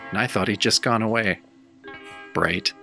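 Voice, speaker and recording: An actor with a lowish, creaky voice, pushed and bright and deliberately exaggerated, plays a battered tough-guy hero narrating his own pulp horror story in a radio-style audio drama. At normal speed, he tells it in wry, weary, hard-boiled first person over faint background music.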